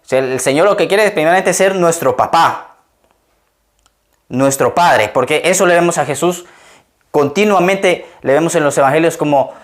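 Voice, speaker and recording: A pastor delivers a sermon in a relaxed, conversational way. He keeps turning to his listeners with questions and laughs often at his own stories. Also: fairly high pitch, normal speed. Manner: conversational, asks the congregation questions.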